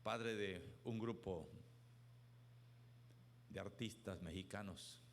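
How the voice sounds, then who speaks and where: A man preaching a sermon as pastor, telling stories with emphatic swings between hushed and loud delivery. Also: deep voice, takes it slowly, vocal fry, a little hiss or hum.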